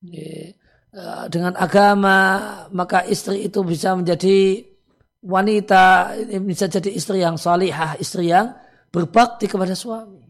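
A man, an Islamic cleric, giving calm religious advice to listeners, with many "eh" and "ya" fillers. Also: high-pitched, a little slow, pauses often.

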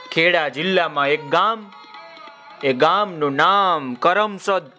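Bright, slow-telling man storyteller. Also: sits high. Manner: warm, affectionate, addressing children directly. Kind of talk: children's storytelling.

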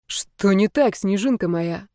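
Woman doing a smug controlling young emperor, calm and slow, plain mid voice, dry close sound, audiobook. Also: mid-range voice, dry recording, lightly acted. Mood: cold assured.

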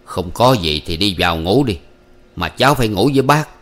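A man voicing an old man, a former cook, who questions slowly and deliberately. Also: on the low side, expressive, a bit bright. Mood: probing. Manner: slow, probing, deliberate.

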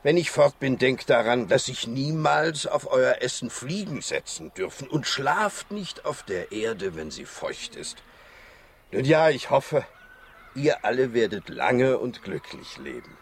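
An actor playing a kind, principled animal doctor, theatrical and earnest, in a children's radio play. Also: male voice, medium pitch, sing-song, unhurried, a little hiss or hum. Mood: solemn farewell.

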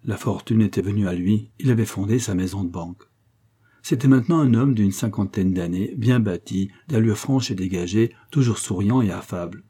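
A man reading a classic novel aloud as narrator, in measured, even storytelling. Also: on the low side, slightly rough. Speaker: audiobook reader. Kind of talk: scripted narration.

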